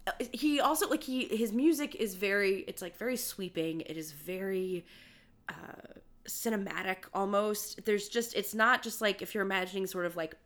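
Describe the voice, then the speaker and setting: Young woman cohost rambling about stuff she loves, mid pitch, lots of likes and ums. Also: normal speed, fairly bright tone. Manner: enthusiastic, rambling, many fillers. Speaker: podcast co-host. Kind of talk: casual chat.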